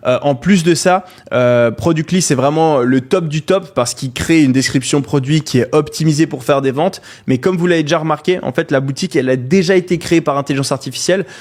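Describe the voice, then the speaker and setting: A man hosting a live online course, talking energetically to viewers in the chat, with frequent hesitations. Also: on the high side. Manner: excited, calls out to viewers; many fillers and hesitations. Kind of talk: energetic live webinar pitch.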